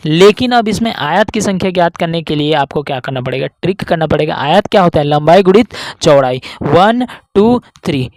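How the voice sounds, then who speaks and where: A man with a fairly high voice teaches an online reasoning class for entrance exams. He keeps posing questions and answering them, slipping into the students' voice now and then. The sound is dry and close. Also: dry recording. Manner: asks and answers his own questions, voicing students. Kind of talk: online exam-prep lesson.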